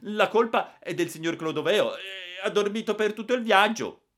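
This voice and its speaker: A man's voice: sits high, moderate pace, fairly bright tone, pitched above the performer's own voice. A man voicing a mischievous young boy who whines and talks back. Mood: cheeky. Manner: whining, cheeky.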